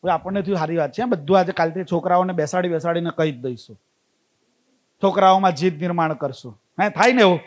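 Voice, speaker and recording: An invited speaker gives a motivational talk at a community gathering, telling stories, repeating key phrases, and putting rhetorical questions to the audience. His voice is high and his pace quick.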